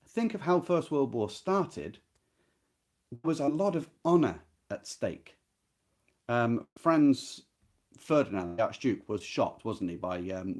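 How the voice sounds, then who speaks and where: This man, who hosts a book readalong, speaks at a medium pitch with a somewhat dark tone. He leads an informal literary discussion, reading short passages aloud, explaining things conversationally and frequently putting questions to the listener.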